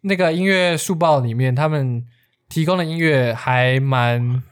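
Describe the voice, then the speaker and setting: A man's voice: medium pitch, a little slow, smooth. A man with a Taiwanese accent hosting a podcast, explaining things casually in an easygoing, jokey way. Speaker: podcast host.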